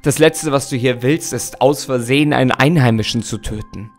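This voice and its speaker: A man's voice: medium pitch, moderate pace, soft background music, close to an everyday voice. A man reading aloud, voicing a skeptical writer who speaks in a light, reassuring way. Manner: light, reassuring, a bit raised.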